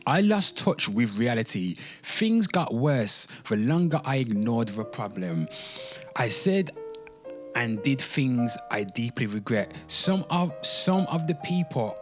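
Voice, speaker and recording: Over background music, a man with a medium-pitched, very animated voice hosts an online show at a slow pace. His commentary is casual, rambling and slangy, broken up by dramatic read-alouds and phrases repeated for emphasis. He swears a lot and addresses his listeners as people.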